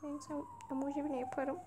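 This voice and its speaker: A young woman giving casual, exasperated gameplay commentary with bursts of shouting and swearing. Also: sits high, background noise. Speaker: gaming video creator.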